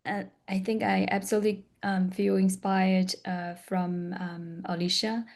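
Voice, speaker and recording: A woman from outside the US sharing in an online group, soft-spoken and hesitant, with many pauses and fillers. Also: medium pitch, level tone. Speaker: workshop participant.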